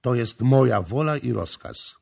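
A man voicing a young prince who gives cold, measured orders in an audiobook. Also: medium pitch, animated, creaky, darkish tone, husky, heavily acted. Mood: cold commanding. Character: young male prince, commanding and coldly vengeful. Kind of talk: audiobook character reading.

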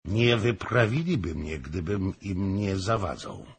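A man voicing a bitter, hot-tempered jealous husband in an audiobook, with a gravelly, husky voice. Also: sits low, very animated, measured pace, heavily acted.

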